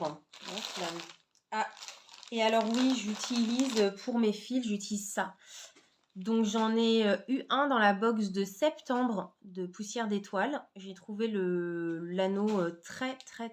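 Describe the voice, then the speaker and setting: A woman talks casually about her embroidery projects in a medium-pitched voice. She fills her talk with little hesitations and often drops almost to a murmur. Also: slow, a little hiss or hum. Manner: chatty, many fillers, often drops to a soft murmur. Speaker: Flosstube host showing embroidery projects. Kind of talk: casual chat.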